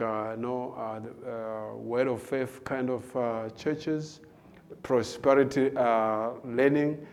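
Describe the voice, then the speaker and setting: A man, a guest preacher giving his personal testimony with many hesitant filler pauses. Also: mid-range voice, a little mellow. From South Africa. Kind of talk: personal testimony before a sermon.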